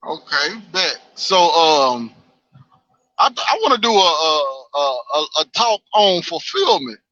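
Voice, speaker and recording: A man calling in by phone, talking casually and haltingly with lots of fillers. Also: fairly high pitch, sing-song, bright, forceful tone, no echo. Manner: halting, fills with "uh" and "like". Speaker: caller. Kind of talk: casual chat. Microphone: phone on a call while outside. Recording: muffled lo-fi call audio.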